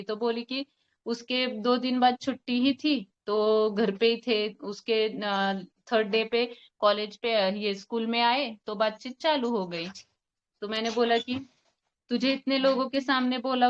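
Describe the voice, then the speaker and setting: Young woman doctor, smooth and fairly high voice, slightly muffled lo-fi audio, retelling a consultation for colleagues. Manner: retells a patient consultation, quoting both sides, with hesitant fillers. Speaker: homeopathic doctor. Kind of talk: case presentation to a forum.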